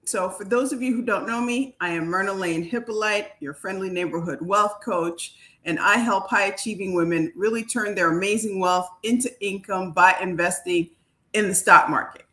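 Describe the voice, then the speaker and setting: A woman's voice: medium pitch, normal speed, bright, forceful tone. A woman from Haiti hosting a live video chat as a wealth coach, talking in an upbeat, emphatic way.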